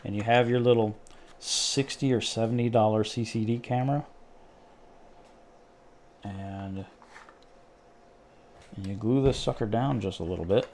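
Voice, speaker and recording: A man's voice: on the low side, steady tone, a little slow, long pauses, a little mellow. A man hosting a live stream, chatting casually and joking with viewers while he tinkers with a homemade project. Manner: rambling, jokey, talks to chat while tinkering.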